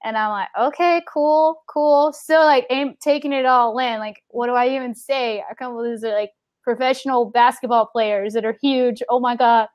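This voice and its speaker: A woman's voice: fairly high pitch, fairly quick, smooth, no echo, muffled recording. A woman guest telling a personal story in a casual interview, acting out the voices of the people in it. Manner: animated, acts out the people in her story.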